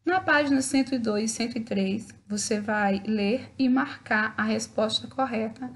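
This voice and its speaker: A woman's voice: a little high, moderate pace, gravelly. A Brazilian woman teacher giving a recorded lesson to schoolchildren, patiently spelling out words syllable by syllable and checking in after each point. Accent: Brazilian Portuguese.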